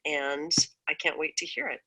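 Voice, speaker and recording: A woman's voice: deep voice, moderate pace, slightly rough, low-quality recording. A woman radio host chatting playfully with her co-host and reading poem lines aloud. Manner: playful, animated.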